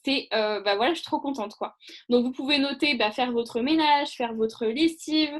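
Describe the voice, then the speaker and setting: A woman's voice: high-pitched, normal speed. A woman giving a casual live online training over a video call, chatty and rambling, with many fillers and restarts.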